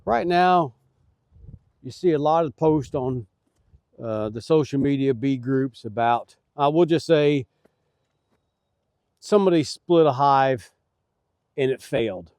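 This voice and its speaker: Middle-aged man, beekeeper, folksy and earnest, mellow tone, dry close sound. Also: medium pitch, slow pace, pauses often, no echo. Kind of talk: casual vlog talk. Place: outdoors at beehives.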